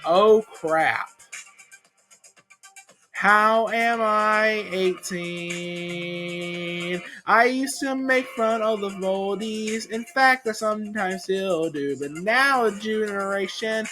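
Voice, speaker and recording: Late-teen male singer, self-deprecating comic songs, slow phrasing, light music underneath. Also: high-pitched, sharp tone, low-quality recording. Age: late teens. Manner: self-mocking, confessional singing. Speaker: singer-songwriter. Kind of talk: comedic song performance. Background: faint music.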